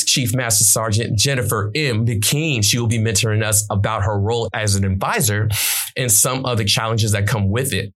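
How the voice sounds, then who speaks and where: A man's voice: medium pitch, fairly bright tone. A man hosting an interview show as a military captain, talking in an emphatic, promotional hype-man style. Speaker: podcast host, military captain.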